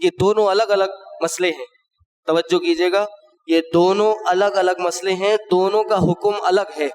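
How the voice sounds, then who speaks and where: A man's voice: high voice, fairly even intonation, darkish tone. Male preacher, Friday sermon, question-and-answer teaching style, long hall reverb. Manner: explains rulings step by step, posing and answering his own questions. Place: mosque.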